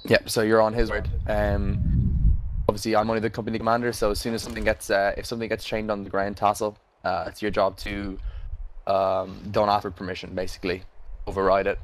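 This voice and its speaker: A man giving a casual, matter-of-fact briefing as a commander in a military game, with some hesitation. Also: fairly low pitch. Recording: faintly noisy online voice chat with clicks.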